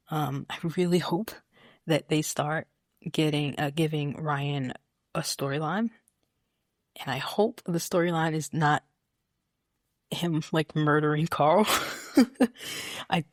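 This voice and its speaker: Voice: medium pitch, no echo, clean studio sound. An American podcast host recapping a TV soap in casual, opinionated chat, with many fillers and restarts.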